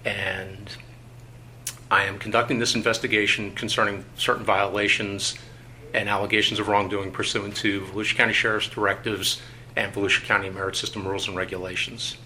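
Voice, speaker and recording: Old interrogation tape, guy reading the rules flat and bureaucratic, lots of uhs, low-ish voice. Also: a little hiss or hum, rough recording. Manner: reads procedure in a measured, bureaucratic tone with frequent "uh"s. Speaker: internal affairs investigator. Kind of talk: formal official interview. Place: conference room. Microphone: tabletop recorder.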